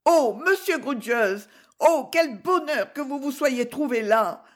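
Woman reader as shaken young girl, high breathless pleas, lively rising and falling, storybook. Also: measured pace, heavily acted. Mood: pleading. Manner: breathless, pleading exclamations. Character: flustered young girl, kidnapping victim. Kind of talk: audiobook character reading.

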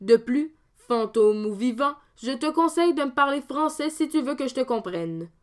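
A woman voicing a bold, hot-tempered farmer brother, loud and blustering in his threats. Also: high voice, animated, moderate pace. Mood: defiant.

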